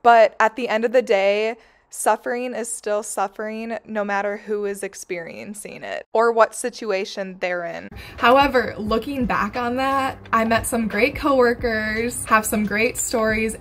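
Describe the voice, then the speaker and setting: A woman's voice: mid-range voice, a little hiss or hum. A woman in her twenties talking to camera in a candid, chatty way, swearing casually now and then. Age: 20s. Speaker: vlogger. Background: background music.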